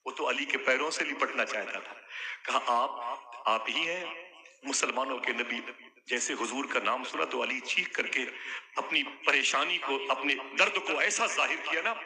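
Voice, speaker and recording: A man's voice: medium pitch, gravelly. Man preaching an emotional story to a crowd. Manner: acts out dialogue, rises to loud calls to the crowd. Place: gathering with a crowd. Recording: crowd audible behind the speaker.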